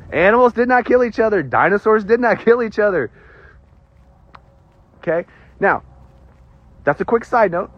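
A man preaching a casual sermon, teaching with joking asides and emphatic pauses. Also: high voice, husky. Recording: dull lo-fi sound.

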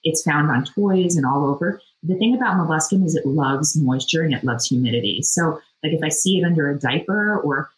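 A woman's voice: sits low, brisk, few pauses, rough recording. A middle-aged woman, a dermatologist guest, explains things casually in informal, plain words. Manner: informal, plain-worded, frequent "you know" and "like". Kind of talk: casual explanatory interview talk.

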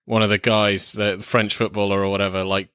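Ein Mann mit tiefer Stimme spricht zögerlich und gelassen, mit vielen „uh“ und „you know“. Der Klang ist trocken und direkt, ohne Hall. Er wirkt wie ein Co-Moderator in einem lockeren Filmpodcast. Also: male voice, fairly low pitch, little pitch movement, brisk, fairly bright tone, clean tone. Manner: hesitant, many fillers, laid-back. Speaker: film review podcast co-host. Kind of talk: casual chat.

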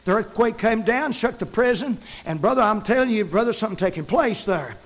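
A male preacher, delivering a sermon in a shouting, chanting cadence. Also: high-pitched, animated, fairly quick.

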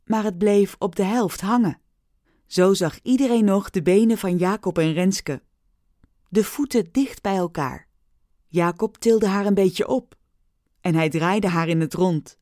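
A woman reading a story aloud in a calm, clearly paced narrating voice. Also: medium pitch, no echo, clean studio sound. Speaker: audiobook reader.

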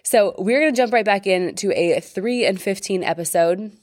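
A woman's voice: medium pitch, moderate pace, darkish tone, no room sound, clean studio sound. A woman hosting her own podcast at home, chatty and upbeat with lots of fillers, still getting over an illness and a little short of breath. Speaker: podcast host. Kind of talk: solo podcast monologue.

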